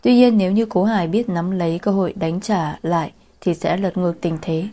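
Woman reading a novel aloud, steady, lowish voice. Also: fairly quick. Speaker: audiobook narrator. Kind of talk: scripted narration.

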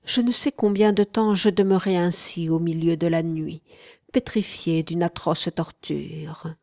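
A woman reads a classic novel aloud in a slow, hushed way, often sinking into a whisper. Her voice sits a little low. The recording is dry and close to the mic. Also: steady tone, creaky, no room sound. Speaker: audiobook narrator. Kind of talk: literary audiobook narration.

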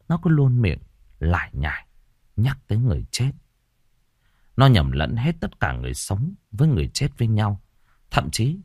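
Male horror narrator, low voice with wild swings, dry sound, faint music under. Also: dry recording. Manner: dramatic, swinging intonation. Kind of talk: audiobook horror story narration.

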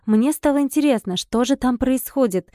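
A woman narrating a first-person fantasy audiobook in an expressive, wry manner. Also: sits high, normal speed, dry recording, studio quality.

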